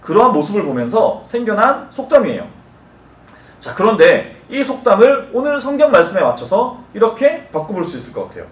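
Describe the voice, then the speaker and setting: A man gives a lively children's sermon, asking questions and tossing in playful asides. His voice sits high and swings widely in pitch. He sounds distant from the mic, in a roomy, echoing church space. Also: fairly quick. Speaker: children's ministry preacher. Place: church worship room. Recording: roomy echo from far off the mic.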